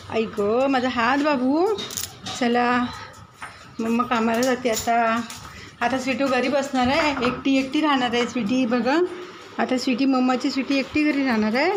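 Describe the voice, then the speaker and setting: A woman's voice: fairly high pitch, noisy background. A woman vlogging at home, talking in a sing-song baby-talk voice to her pets. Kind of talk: casual vlog, talking to pets.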